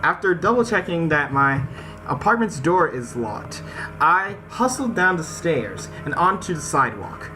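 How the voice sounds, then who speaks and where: Over visual novel game music, a gaming host reads the text aloud in a let's-play, stumbling on some words and speaking straight to viewers with casual asides. The voice is mid-range, sing-song, a little slow, and sharp in tone.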